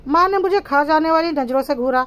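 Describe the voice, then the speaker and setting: A woman's voice: high-pitched, a little fast, fairly bright tone. A woman narrating a dramatic family story in the first person, in a firm and defiant manner.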